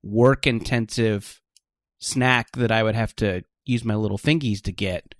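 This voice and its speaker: A man's voice: on the low side, steady tone, unhurried, no room sound, studio quality. Rambling, self-deprecating man. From Texas-born, raised in Southern California. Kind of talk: casual chat.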